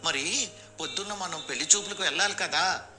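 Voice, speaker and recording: A man voicing an elderly grandmother who scolds and laments loudly in a storybook. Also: a little high, fairly quick, over music, voice pushed up, close to an everyday voice. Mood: fretful. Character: elderly grandmother, fussy and wailing.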